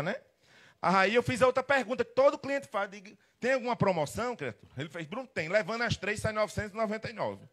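A marketing consultant from Rio Grande do Norte, Brazil, gives a humorous storytelling lecture in a restaurant event hall, acting out both sides of each dialogue. His voice is high and a bit bright.

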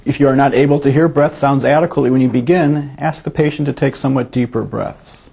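A male physician leads a teaching demonstration with a gravelly, husky voice. His tone is dark and mellow, steady and methodical as he explains each step for students. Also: mid-range voice, fast.

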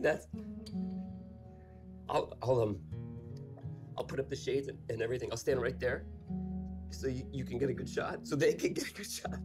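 An actor playing a guilt-ridden, self-loathing man in a film drama, desperate and halting, with stammered pleas. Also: mid-range voice, natural voice. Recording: prominent music behind the voice.

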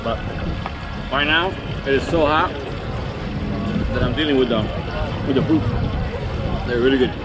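A man's voice: medium pitch, a little slow, pauses often. A man in his thirties hosting a casual outdoor vlog, upbeat and chatty, talking straight to his viewers. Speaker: vlogger host. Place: outdoors on a boat at a shallow sandbar.

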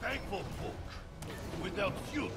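An actor playing a huge, blunt male villain with a Russian accent and a gravelly, slow voice in broken English, in a game cutscene. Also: high voice, expressive. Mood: gruff. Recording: game audio over loud music.

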